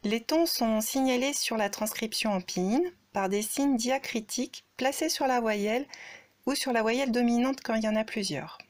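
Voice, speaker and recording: A woman gives a slow, explanatory lesson, calling out example syllables. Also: fairly high pitch, dry recording. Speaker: Chinese language teacher. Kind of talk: spoken lesson demonstrating tones.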